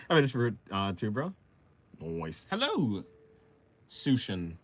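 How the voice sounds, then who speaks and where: This twenty-something man streams himself drawing and chats casually with viewers, reading their comments aloud and responding in a laid-back way. His voice is medium in pitch, swoops wildly up and down, and moves at a slow pace.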